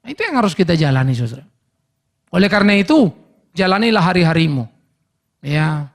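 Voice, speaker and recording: A middle-aged male pastor preaching a sermon in a church service, animated and acting out everyday dialogues. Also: a little high, brisk.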